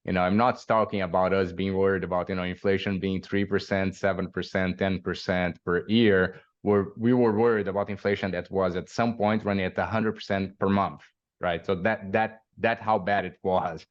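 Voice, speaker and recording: Low-voiced Brazilian man, muffled audio. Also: flat delivery, moderate pace. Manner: hesitant, many fillers and restarts, laughs while telling stories. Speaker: guest. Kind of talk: interview storytelling.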